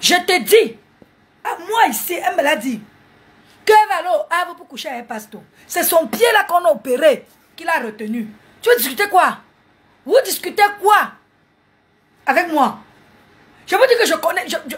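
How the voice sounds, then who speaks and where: High, lively woman scolding. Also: brisk. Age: 40s. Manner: mocking, scolding, animated. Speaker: live streamer. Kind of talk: heated live-stream rant.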